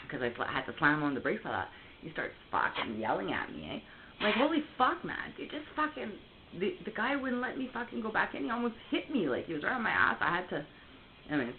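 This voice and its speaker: A woman, telling a story casually and heatedly on a call, swearing often and restarting her sentences. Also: sits low. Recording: tinny phone line, faint hiss.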